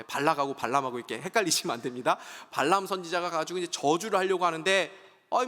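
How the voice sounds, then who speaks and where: A man preaching a sermon as a pastor, telling a Bible story with lively storytelling and acted-out voices. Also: high-pitched, big-room sound. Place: church sanctuary.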